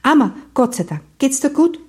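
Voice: high voice, big pitch swings, normal speed, voice pushed up. A woman voicing a worried young grandchild speaking urgently. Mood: relieved. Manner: anxious, urgent.

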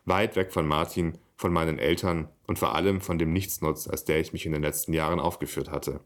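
A man reading aloud from his own first-person novel in a calm, even way. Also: extremely low pitch, a little fast.

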